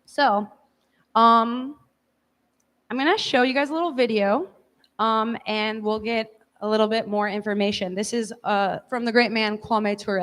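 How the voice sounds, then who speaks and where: A woman leads a class with a casual, hedging lecture, peppered with "like." Her voice is on the high side and fairly bright, and the recording rings with the long reverb of an echoey hall.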